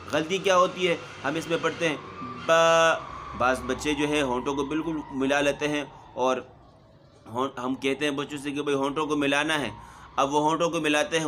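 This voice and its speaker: A middle-aged man teaching Quran recitation, explaining steadily and then sounding out single letters loudly again and again. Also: on the high side, fairly even intonation, a little hiss or hum. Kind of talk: spoken Quran pronunciation lesson.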